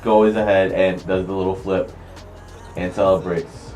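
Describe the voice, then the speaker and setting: Brief: male co-host, very low voice, dry quips, faint music behind. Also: level tone, a little slow, a little mellow. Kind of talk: casual commentary.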